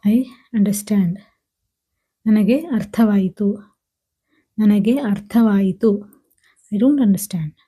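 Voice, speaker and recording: Slow, dark-voiced woman teaching phrases. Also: medium pitch. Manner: says each phrase twice, slowly and patiently. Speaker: language teacher. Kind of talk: slow, repetitive language lesson.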